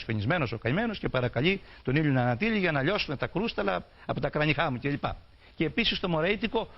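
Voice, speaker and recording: A man giving an explanatory lecture on folk songs, reciting dialect verses and then explaining them plainly. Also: fairly high pitch. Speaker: folklore lecturer. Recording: dull lo-fi recording.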